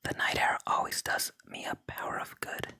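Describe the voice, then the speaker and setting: Close to the mic, a gaming host whispers gently throughout an ASMR let's play, the tone very bright and crisp-edged. The whisper stays unvoiced at a normal speed as they shift between reading dialogue aloud and quiet commentary.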